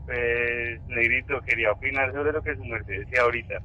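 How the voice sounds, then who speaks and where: A man's voice: medium pitch, fairly even intonation, fairly quick, bright, forceful tone, dull audio. A man calling in to a radio show and giving his opinion, hesitating and searching for his words. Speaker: caller.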